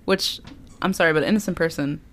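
Young woman podcast co-host, lowish voice, chatty storyteller who laughs a lot. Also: quick pace, a bit bright. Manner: storytelling, laughs often, acts out quotes. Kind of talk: casual chat.

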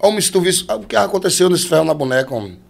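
Um cantor de forró nordestino, homem, contando histórias de bastidor de forma animada, imitando as vozes das pessoas. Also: male voice, high voice, racing, gravelly. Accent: Northeastern Brazilian. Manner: animated, acts out quoted voices. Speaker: forró singer, podcast guest. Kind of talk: casual storytelling.

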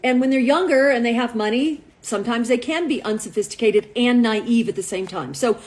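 A middle-aged woman matchmaker telling a story in a casual, chatty and animated way, often laughing. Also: fairly high pitch, a little fast. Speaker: matchmaker and dating coach.

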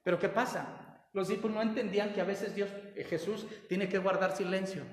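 A pastor preaching a lively sermon, drawing responses from the congregation, with laughing asides. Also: mid-range voice, a little fast. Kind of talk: Pentecostal-style preaching sermon. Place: church hall. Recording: roomy church hall with long reverb.

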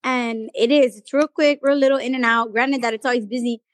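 High-voiced woman host, dry close sound. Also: fairly even intonation, a little fast, no room sound. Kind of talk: casual chat.

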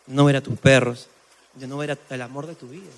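A man co-hosting a comedy podcast, telling stories in an animated way and acting out other people's voices. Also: medium pitch, fairly quick, in a large hall. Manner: animated storytelling, acts out voices, laughs often. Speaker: podcast co-host. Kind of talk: comedic casual chat.

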